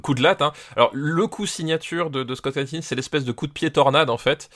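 A man's voice: fairly high pitch, a little fast, a bit bright. A man co-hosting a podcast, talking in an enthusiastic, slangy, casual way. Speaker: podcast co-host.

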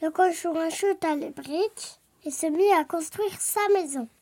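A woman reading a children's fairy tale aloud in an expressive, lively storytelling manner. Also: very high voice, unhurried.

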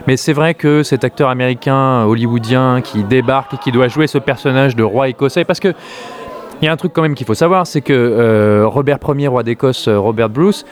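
A man's voice: mid-range voice, a little fast. A man from France talking casually about a film, hesitant, with many fillers and restarts. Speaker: film critic.

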